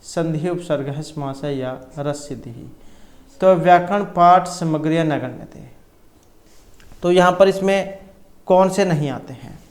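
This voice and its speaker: A man's voice: fairly high pitch, measured pace, a little mellow. A man teaching an exam-prep lesson, explaining multiple-choice answers and reciting terms and grammar rules one by one. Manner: self-corrects mid-sentence. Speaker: Sanskrit exam tutor.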